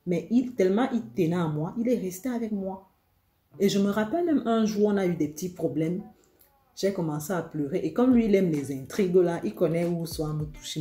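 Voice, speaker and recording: A woman from Africa giving relationship advice to viewers in a casual, confiding way. She tells animated stories and addresses her audience directly. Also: lowish voice, roomy sound.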